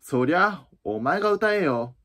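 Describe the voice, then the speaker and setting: A man voicing a brusque, impatient male Gryphon in a storybook reading, talking quickly and gruffly. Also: fairly high pitch, animated, fairly bright tone.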